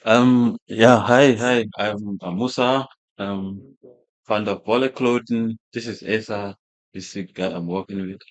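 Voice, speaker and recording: A Gambian man whose first language is Wolof, founder of a fashion brand, speaks as a guest in a casual interview with many fillers and restarts. His voice is on the low side, steady and unhurried.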